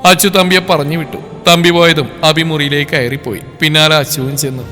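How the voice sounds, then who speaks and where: A man narrates a scripted story in a dramatic, even manner. His voice is bright and slightly high, and it trails off into a long reverb over faint music. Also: brisk.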